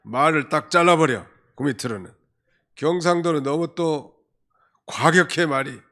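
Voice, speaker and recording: A male pastor delivering a Sunday afternoon sermon in a conversational tone, with emphatic rises and quiet asides. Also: fairly high pitch, a little slow.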